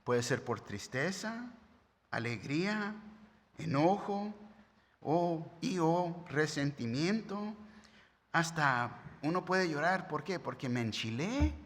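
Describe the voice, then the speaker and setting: Man, pastor, high voice, slow unhurried sermon, echoing church hall. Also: sharp tone. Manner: conversational preaching with tag questions. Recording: long hall reverb.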